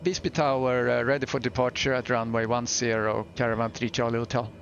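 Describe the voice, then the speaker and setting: A man reading back clearances in clipped pilot radio phrasing, as if over a cockpit headset. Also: mid-range voice, little pitch movement, a little fast, muffled recording, slight background noise. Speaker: flight sim streamer.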